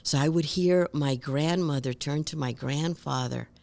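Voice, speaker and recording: A woman from Rico, a guest telling lively stories in an interview and acting out other people's voices. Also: deep voice, normal speed, vocal fry. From Puerto Rico. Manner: animated, acts out voices and accents in stories. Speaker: guest speaker. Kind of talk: conversational interview storytelling.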